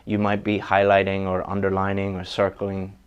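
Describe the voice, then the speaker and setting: Speaking in a fairly low monotone at a moderate pace, this IELTS teacher sounds smooth, though the audio is dull. He talks straight to his students in a blunt, practical way during an exam-prep lesson, working through point after point to get the job done.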